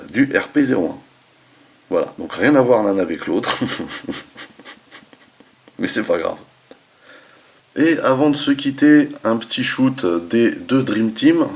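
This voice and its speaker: A man hosts a casual hands-on toy review, demonstrating the product informally with slangy enthusiasm. His voice is low and slightly rough.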